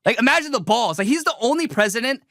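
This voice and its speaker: A young man comments on politics from his own livestream, his voice high and lively, leaping up and down in pitch. He argues emphatically, peppering his points with rhetorical questions. The sound is close and dry, with no room around it. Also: quick pace, gravelly, no room sound. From Korean heritage. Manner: animated and emphatic, asks rhetorical questions, mocks opposing views in quoted voices.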